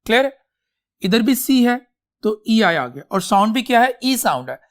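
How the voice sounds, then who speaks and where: A man with a Pakistani accent teaching an English class, speaking slowly and deliberately, checking often whether students follow and addressing them fondly. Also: sits high, very animated. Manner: slow and deliberate, calls students "beta", repeats checks like "clear?". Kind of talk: classroom lecture mixing Hindi-Urdu and English.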